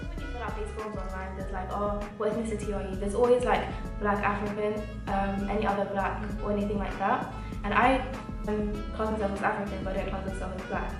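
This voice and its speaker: A woman's voice: medium pitch, little pitch movement, quick pace. A woman from Egypt talking hesitantly, with many fillers, in a casual group discussion. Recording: echoey room, distant mic, music behind.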